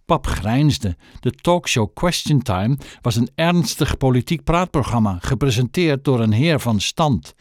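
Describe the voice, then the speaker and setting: A man narrates a children's story in an expressive, storytelling manner. His pitch moves lively up and down. The recording is dry and close, with no room sound. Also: measured pace, few pauses, no room sound. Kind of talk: audiobook narration.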